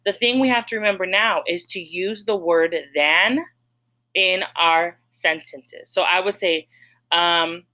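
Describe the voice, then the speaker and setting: A woman's voice: fairly low pitch, unhurried, bright, forceful tone, low-quality recording. A woman teacher explaining a grammar lesson patiently, step by step, asking her students questions as she goes. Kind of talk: recorded classroom lesson.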